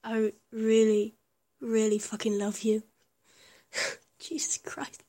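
A woman with a fairly high, warm voice speaks slowly and completely flatly in a breathy whisper. She plays a small, affectionate young lover who whispers, stammers and rambles between giggles, in a tender whispered intimate roleplay.

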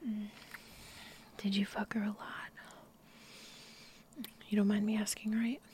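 A young woman whispering softly and breathily in a close-mic audio roleplay, shy and halting, with frequent giggles. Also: medium pitch, little pitch movement, a little hiss or hum. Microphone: close microphone.

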